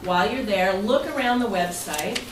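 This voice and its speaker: As club president, a woman gives members an informal, chatty presentation that rambles somewhat, her phrasing loose. Her voice is mid-range at a normal speed, and the recording is roomy and noisy, captured from far off.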